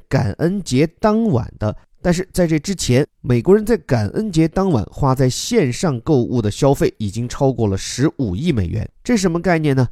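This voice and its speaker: A man teaching English through a news article, explaining words and grammar in a lively, explanatory way. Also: medium pitch, dry recording, clean studio sound. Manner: lively, explanatory, reads English lines aloud and breaks them down.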